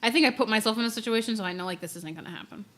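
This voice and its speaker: Young woman podcast host, bright and a little high, candid, self-mocking chat. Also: very fast. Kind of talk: casual chat.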